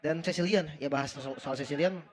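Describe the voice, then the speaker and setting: A man's voice: on the high side, a little fast, background noise. A man giving casual, colloquial analysis as a commentator on a live game match, explaining tactics.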